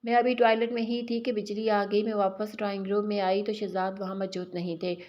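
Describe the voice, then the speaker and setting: A woman's voice: mid-range voice, darkish tone, muffled recording. Woman narrating a wistful romance story.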